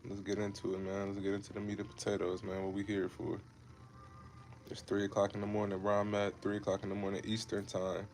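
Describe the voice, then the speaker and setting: A little hiss or hum sits under this fairly low, darkish male voice, which runs monotone and fairly quick. The speaker is a fitness creator in his twenties from Ohio, hosting a livestream and chatting laid-back and repetitively with viewers he calls "bro" and "man."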